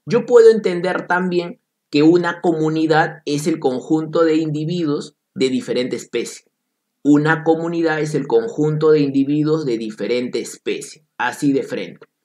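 A man's voice: fairly high pitch, normal speed, a little mellow. A man teaching an exam-prep biology class in Peruvian Spanish, playful and repeating key points while calling on students.

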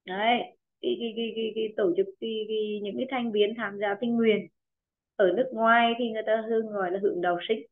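A woman teaching an online English pronunciation lesson with a Vietnamese accent, encouraging students and repeating words slowly for them. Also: on the high side, steady tone. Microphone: video call. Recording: tinny phone-like video call audio.

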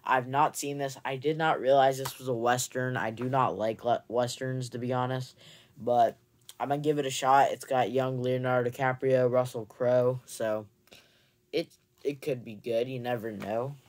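A young movie-collector vlogger chats and rambles through a casual haul video, using plenty of fillers. He sits facing a camera mic in a room at home lined with shelves of movies, his medium-pitched voice steady and moderately paced.

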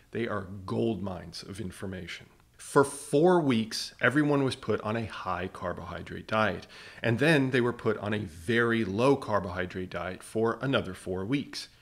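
Male science explainer, lower pitch, punchy rhetorical delivery. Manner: emphatic, rhetorical questions. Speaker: science educator. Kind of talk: scripted explainer narration.

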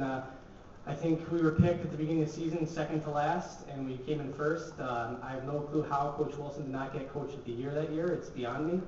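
Speaking in a slightly high, slightly mellow voice, a young adult man who plays college hockey fields reporters' questions at a press table, loose and full of fillers. A table mic picks him up from a distance in a big press room that echoes. The result is echoey, distant, dull and noisy.

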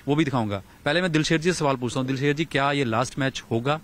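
A man with a mid-range, fairly bright voice talks fast as a sports journalist, reporting and interviewing outdoors into a handheld microphone. It's on-location news coverage from a large, empty cricket stadium, with slight background noise.

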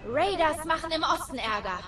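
An actress playing an alert tactical guide in a video game, giving combat warnings and instructions. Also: female voice, high-pitched, lively intonation, normal speed, a little hiss or hum. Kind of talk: video game radio guidance. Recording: distant voice under loud game sound.

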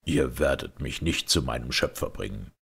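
A man reading aloud plays a hateful medieval monk in a deep, growling baritone. The voice is husky and low, with threats hissed out in scorn. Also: expressive, moderate pace, a bit bright, full character voice. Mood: menacing.

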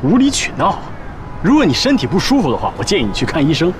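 Irritated husband in a TV drama, curt and fast, his voice swinging widely. Street noise is clear behind him. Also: fairly high pitch, wildly swooping pitch. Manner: curt, dismissive.

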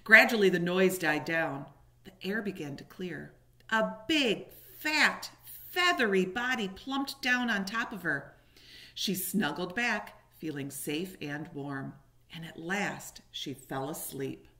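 In an echoey living room, a woman in her forties with a fairly low voice reads a picture book aloud slowly and expressively. She talks to the young children in an animated way, explaining and asking them questions.

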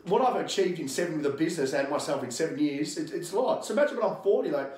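An Australian strength coach in his thirties guests on a podcast from an indoor gym with an echoey sound. His voice runs on the high side with a darkish tone, and he's animated and rapid-fire, brash, fired-up and swearing freely.

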